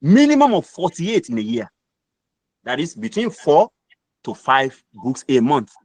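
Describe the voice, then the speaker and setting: Speaking as a guest mentor, a middle-aged Nigerian man repeats and stresses his motivational points in a preacher's style. His voice is fairly high for a man, husky and a little mellow, with huge pitch swings and a slightly slow pace. The audio is dry with no room echo.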